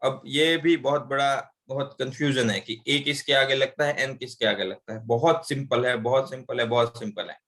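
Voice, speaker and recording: A man's voice: mid-range voice, moderate pace, few pauses, fairly bright tone. Male English teacher, patient explainer who drills examples aloud. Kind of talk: online class lesson.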